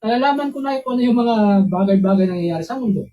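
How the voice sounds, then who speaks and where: A male pastor delivers a sermon built around his own memories. He tells them in an animated way, acts out what others said, and turns to his listeners with questions. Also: very high voice, very fast, lo-fi sound. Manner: animated storytelling, voices quotes, asks listeners questions. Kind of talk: preaching sermon with personal stories.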